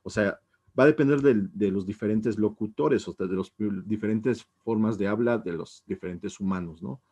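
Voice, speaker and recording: A man's voice: lowish voice, moderate pace, darkish tone, husky. A man teaching an introductory linguistics class, speaking hesitantly with many restarts and tag questions. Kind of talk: informal recorded lecture.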